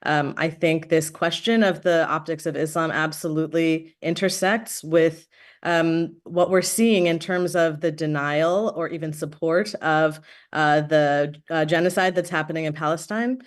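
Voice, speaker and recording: A woman's voice: deep voice, fairly even intonation, measured pace. A woman moderating a panel discussion, thanking organizers and introducing panelists with frequent fillers.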